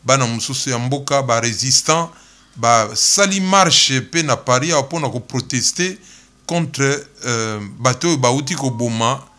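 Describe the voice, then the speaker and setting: A male journalist puts his questions slowly and hesitantly, stopping for fillers between phrases. His voice is bright and forward, and his pace stays unhurried. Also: medium pitch. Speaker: journalist interviewer. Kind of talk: press interview questions.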